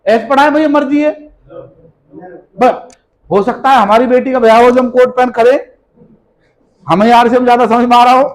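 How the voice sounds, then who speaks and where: A very high, level-toned male voice, a little fast but broken by long pauses, comes through a rough recording. The speaker is a motivational business figure in a seminar hall, pelting the live audience with rhetorical questions in an emphatic, scolding way and repeating key phrases.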